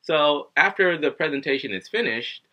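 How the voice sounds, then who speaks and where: With a fairly high pitch and normal speed, a man in his thirties delivers a casual English video lesson indoors in his living room. Lively and gesturing a lot, he acts out little scenes, playing himself and his students. Dull lo-fi webcam audio captures it.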